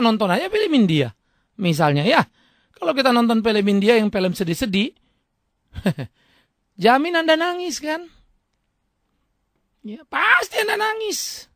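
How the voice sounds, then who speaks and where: A man's voice: very high voice, gravelly, a bit bright, dry recording, clean studio sound. A middle-aged male pastor giving a sermon in a colloquial, conversational way, firing off rhetorical questions and answering them himself. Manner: colloquial, rhetorical questions, plays both sides of imagined exchanges.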